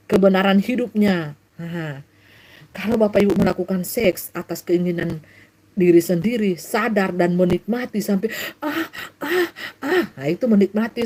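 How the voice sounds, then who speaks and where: A woman's voice: mid-range voice, darkish tone, poor audio. A middle-aged woman preaching to viewers on a live stream, lecturing them directly and breaking into frequent laughter. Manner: laughs often, bursts of acted shrieks. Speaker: self-styled prophet preacher.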